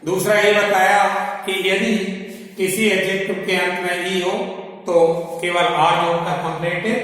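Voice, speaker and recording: A man teaching an English grammar lesson in a classroom style, slowly spelling out and repeating words. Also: high-pitched, flat delivery, a bit bright. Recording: echoey hall, voice from far off.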